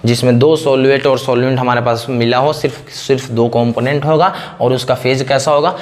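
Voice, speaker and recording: A man's voice: medium pitch, fairly even intonation, fairly quick. A man teaching a chemistry lecture in Hindi. He asks questions and then answers them himself, repeating the same pattern. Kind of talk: classroom lecture.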